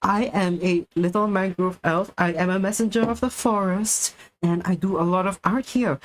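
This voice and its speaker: A woman's voice: mid-range voice, fairly even intonation, moderate pace. A woman livestreamer chatting to her viewers in a cute, bubbly anime-streamer manner. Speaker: art livestreamer. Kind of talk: casual livestream chat with viewers.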